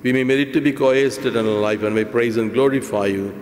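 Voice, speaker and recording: An older man in his sixties, a priest reciting liturgical prayers at the altar in a solemn, measured, formal way, with a cathedral-like echo. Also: medium pitch, a little mellow. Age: 60s. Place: indoor church altar. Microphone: gooseneck microphone at the altar. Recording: long reverberant church echo.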